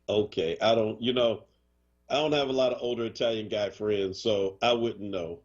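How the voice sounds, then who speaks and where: This Boston-accented morning radio host has a fairly low, slightly rough voice, captured on a muffled recording. His casual banter is lively and teasing, with jokes and mock voices thrown in.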